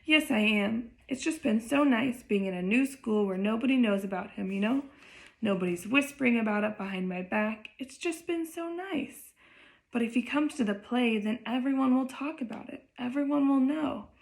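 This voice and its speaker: A woman's voice: fairly high pitch, normal speed, creaky. A woman voicing a tearful, ashamed teenage girl while reading a novel aloud. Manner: defensive, then crying.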